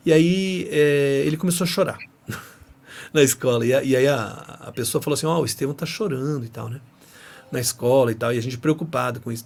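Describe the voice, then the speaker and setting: A man's voice: a little high, a little mellow. A middle-aged Brazilian man with a Brazilian Portuguese accent, a guest in an interview who chats and tells stories, often tagging his sentences with "né". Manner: chatty, often tags phrases with "né". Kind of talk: casual interview storytelling.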